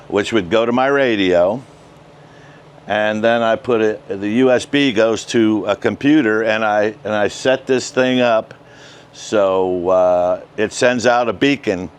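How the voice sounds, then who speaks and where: On the low side and clean in tone, the voice comes from an older man presenting a ham radio vlog outside by a backyard patio and shed in the suburbs. He explains casually, one step at a time, to camera through a wireless mic clipped to his shirt.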